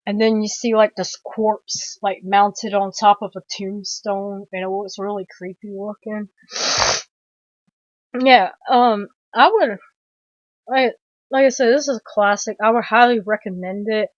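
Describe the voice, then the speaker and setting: A woman's voice: medium pitch, steady tone, measured pace, no echo, dull audio. A woman casually retelling a horror movie's plot in a rambling way, full of "like", restarts and the odd swear word. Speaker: film reviewer.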